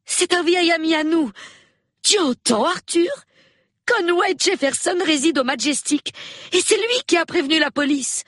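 A woman voicing an excitable, chatty middle-aged lady of the manor who speaks high and emphatically, in an audiobook. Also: slow, few pauses, no room sound, studio quality, full character voice. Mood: excited.

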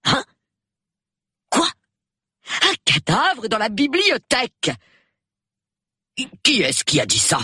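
A man voicing a drowsy, gruff older colonel who mumbles dismissively in a storybook reading. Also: a little high, huge pitch swings, measured pace, pauses often, pushed and bright, no echo, studio quality, pitched above the performer's own voice, full character voice. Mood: grumbling.

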